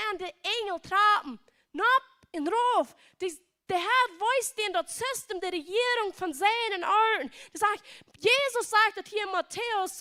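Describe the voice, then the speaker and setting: A woman's voice: very high-pitched, sharp tone. A woman with a Plautdietsch accent preaching a sermon in an emphatic, repetitive way.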